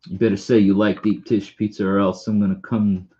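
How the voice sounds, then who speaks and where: This channel host talks a little fast in a fairly low, level, mellow voice, and the audio is dull. He's a Long Island, New York native with a matching accent, rambling through a casual live stream full of restarts and repeated words.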